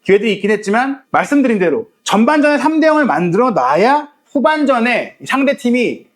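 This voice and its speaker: A man co-hosting a football analysis talk show, explaining tactics in a lively way and acting out what players say at halftime. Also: very high-pitched, brisk. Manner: animated, acts out locker-room quotes.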